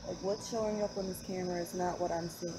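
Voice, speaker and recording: A young American paranormal vlogger chats casually and narrates at night while walking outdoors around a train station, speaking into a handheld camera's microphone. Her voice is on the low side, with fairly even intonation and a fast pace, and the noisy outdoor recording picks up insects.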